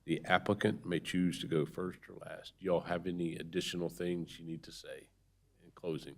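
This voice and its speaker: A man with a low voice chairs a public meeting. He reads out formal procedure and drops into informal asides as he calls on people. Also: steady tone, normal speed. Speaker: board chair.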